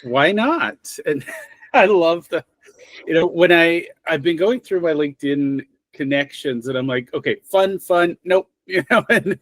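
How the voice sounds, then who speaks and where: A man's voice: a little high, animated, unhurried, fairly bright tone, dry recording. A man hosting a podcast interview, upbeat and friendly, laughing easily between questions. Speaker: podcast host. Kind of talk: casual interview talk.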